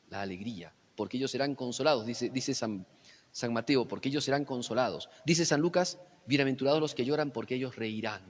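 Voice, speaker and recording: Preacher guy, kinda high voice, lots of "no?" questions, loud then quiet, big echoey hall. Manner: teaching, asks listeners rhetorical questions; wide swings from loud emphatic to quiet low. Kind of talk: sermon. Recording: long hall reverb.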